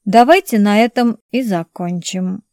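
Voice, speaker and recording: A woman voicing a mocking, quietly cruel young man in a slow, sneering, drawn-out way. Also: mid-range voice, dry recording, studio quality, natural voice. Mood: cold.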